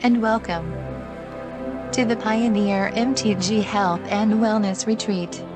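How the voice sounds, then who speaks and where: A synthetic female voice playing a gentle care robot that calmly welcomes guests to a wellness retreat, glitching and repeating its words. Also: mid-range voice, lightly acted. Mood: soothing glitchy. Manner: soothing, slow, repeats and stutters words. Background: loud music.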